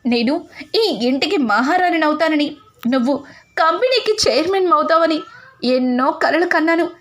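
A woman plays a self-pitying young wife who laments her lost hopes. She wails and complains. The voice is high. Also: animated, moderate pace. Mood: despairing.

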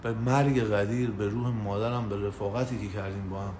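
A man's voice: lowish voice, fairly even intonation, a little mellow. A man casually telling a story on a live stream, slangy and swearing, greeting viewers by name. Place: indoors in the US. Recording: echoey room with faint ambient noise.

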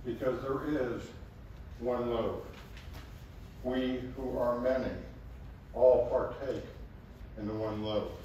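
A man's voice: medium pitch, steady tone, dark tone. Solemn man in an echoey chapel. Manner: measured, solemn recitation. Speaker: pastor. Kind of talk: liturgical communion prayer. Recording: echoey chapel, distant mic, faint room noise.

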